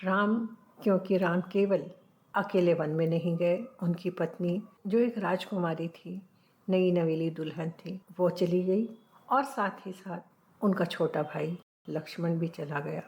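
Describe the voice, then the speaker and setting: A woman's voice: fairly low pitch, measured pace, a little mellow. A middle-aged woman teacher explaining a poem to students, reading verse lines with emphasis and then paraphrasing them plainly. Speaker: Hindi literature teacher.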